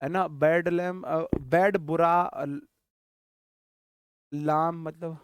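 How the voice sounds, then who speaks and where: A man teaching vocabulary with a fairly high voice, recorded close and dry with no room sound. He talks animatedly, repeating key words and firing off quick questions. He jokes through memory tricks and keeps calling the class brother. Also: steady tone, clean tone, no room sound. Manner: jokey memory tricks, calls listeners brother. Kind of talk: classroom lecture.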